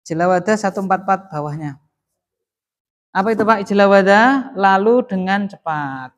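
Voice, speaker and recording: A man teaching Arabic grammar in a classroom, quizzing students with lively rising and falling emphasis. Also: sits high, moderate pace. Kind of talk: classroom lesson with call and response.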